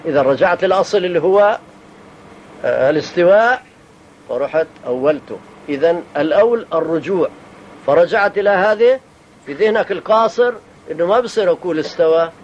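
A man's voice: high voice, lively intonation, fairly quick, long pauses. A man teaching a Quranic commentary lesson, emphatic and firing off rhetorical questions that he answers himself. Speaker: religious teacher. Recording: dull lo-fi archival tape with faint hiss.

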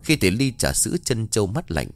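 A man narrating a ghost story in a dramatic, expressive reading. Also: fairly low pitch, fast.

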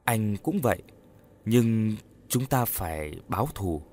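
A man's voice: lowish voice, lively intonation, slow pace, a little mellow. A man voicing the determined ghost of a young husband in a storybook horror tale. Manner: urgent, determined.

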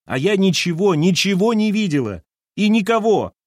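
A man putting on a shrill, nervous young pregnant woman. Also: very animated, normal speed, dry recording, clean studio sound. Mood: desperate. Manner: shrill, cries out in desperation.

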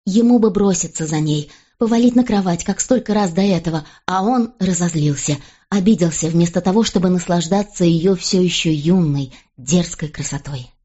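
A woman reading a novel aloud as an audiobook narrator, in a steady, even first-person storytelling voice. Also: fairly low pitch, normal speed, breathy edge, highs cut off.

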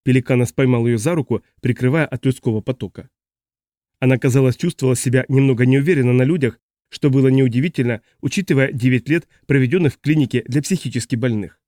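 Male audiobook narrator, steady novel read, dry close sound. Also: medium pitch, quick pace, no echo. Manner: steady, even reading. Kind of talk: scripted narration.

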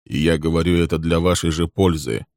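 A man voicing a composed man who speaks slowly and evenly. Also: sits low, creaky, darkish tone, dry recording, clean studio sound. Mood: measured. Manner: slow, level, measured. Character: calm, composed man, coolly threatening.

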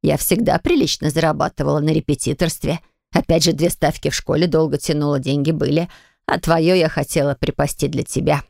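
A shrewd old grandmother in a storybook, low and gravelly, drawing her words out in a slow, knowing way, as a woman narrator puts her on. The sound is close and dry. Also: fairly even intonation, a little mellow, no room sound. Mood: sly. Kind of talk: audiobook character voicing.

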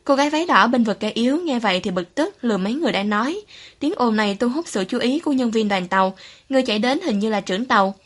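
A woman narrating a story in a steady scripted reading, voicing every character in much the same voice. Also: fairly high pitch, fast. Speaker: audiobook narrator.

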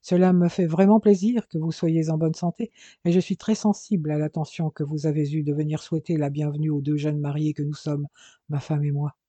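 A man playing a cunning victor who speaks with easy, condescending politeness. His tone is dark and mellow, a touch higher than average, and the recording is dry. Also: dry recording, lo-fi sound, natural voice. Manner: nonchalant, condescending. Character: smug, cunning newlywed man, calmly menacing.

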